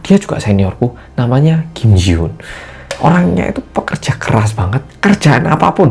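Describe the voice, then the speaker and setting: Secretive office senior, low hushed confiding tone, lively pitch, Korean-accented man playing him. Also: vocal fry, slightly rough.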